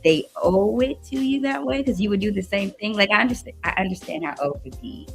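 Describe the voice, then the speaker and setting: A woman's voice: medium pitch, a little fast, vocal fry, faint music behind. A woman co-host in casual chat, reasoning through her view with careful hedges. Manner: thoughtful, hedging, reasoning aloud.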